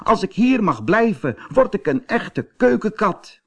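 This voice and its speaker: A man reading a storybook, voicing a small, timid young tomcat with a high, mewing, plaintive voice. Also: very animated, unhurried, exaggerated voice. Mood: relieved. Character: small young male kitten, timid and hopeful.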